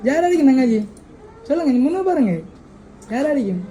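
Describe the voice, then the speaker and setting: Quick, high-pitched coaxing woman. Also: expressive, mellow, a little hiss or hum, low-quality recording. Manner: coaxing, repetitive questioning. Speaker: surprise delivery host. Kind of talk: coaxing a birthday child.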